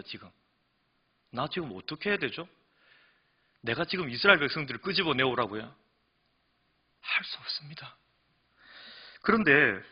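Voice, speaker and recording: A pastor preaching at a midweek service, his delivery swinging between hushed asides and emphatic declarations. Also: medium pitch, husky, lo-fi sound. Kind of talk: sermon. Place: church sanctuary.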